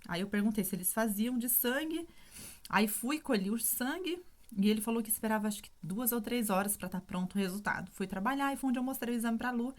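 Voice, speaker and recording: A woman's voice: on the high side, expressive, a little fast. A woman in her thirties telling a personal story in an emotional, casual way, often apologizing for her feelings. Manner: emotional, tearful at times, with many fillers. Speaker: vlogger sharing her testimony.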